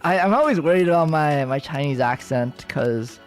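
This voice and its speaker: With soft music behind him, a young American VTuber chats with his livestream viewers in a rambling, giggly way full of fillers and restarts. His pitch is fairly high, his intonation lively, and his speed normal.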